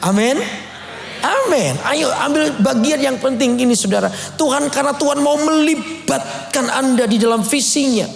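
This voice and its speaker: A man's voice: extremely high pitch, moderate pace, gravelly, reverberant, a little hiss or hum. A male pastor, preaching a sermon and acting out the dialogue as he tells his story. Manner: animated storytelling, acts out dialogue, calls for amens. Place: church service.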